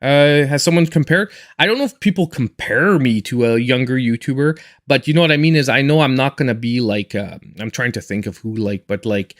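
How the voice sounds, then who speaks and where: Relaxed 40s man streaming a game. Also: mid-range voice, a little fast, few pauses. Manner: relaxed, reserved, chatty. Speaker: gaming streamer host. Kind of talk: casual live-stream gameplay chat.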